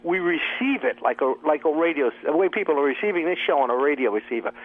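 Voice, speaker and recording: Sarcastic riffing radio host, high lively voice. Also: male voice, fast talker, slight background noise. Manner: riffing and sarcastic, laughing at his own jokes. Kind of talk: comedic talk radio monologue. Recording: tinny phone-like radio audio.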